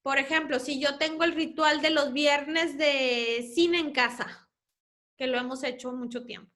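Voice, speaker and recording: This is a woman with a Mexican accent and a high voice giving a talk to parents on family life. She speaks as a mother herself, explaining her points and acting out what children say at home. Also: steady tone, a little slow, a bit bright. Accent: Mexican Spanish. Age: adult parent.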